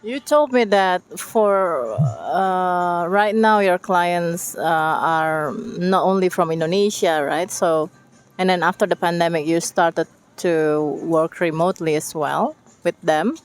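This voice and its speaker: Slow, low-voiced woman interviewer. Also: clean tone, faint music behind. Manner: friendly, hesitant, many fillers. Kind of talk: casual interview. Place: outdoors by the beach.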